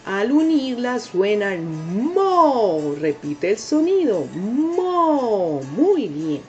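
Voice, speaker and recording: A woman's voice: on the high side, sing-song. A woman teaching young children letter sounds, drawing out each syllable, praising often and coaxing them to repeat. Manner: drawn-out sounds, sing-song praise, coaxing repetition. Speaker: preschool teacher. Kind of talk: slow, exaggerated phonics lesson for young children. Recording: dull lo-fi home recording with soft music.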